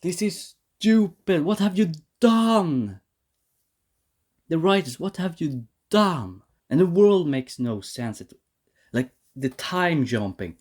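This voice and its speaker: A man's voice: a little high, sing-song, slow, darkish tone. A man giving a heated, profane rant to camera as a vlogger, often restarting and repeating words. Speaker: vlogger reviewing a series.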